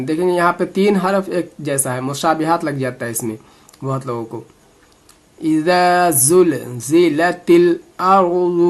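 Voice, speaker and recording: A man teaching Quran recitation, patiently explaining sounds letter by letter and chanting verses slowly between explanations. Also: fairly high pitch. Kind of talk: recitation lesson.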